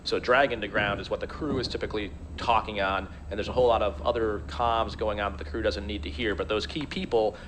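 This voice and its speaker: A man's voice: on the low side, fairly even intonation, quick pace, hardly any pauses. A man giving live expert commentary in a conversational, explanatory way. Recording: faint background noise.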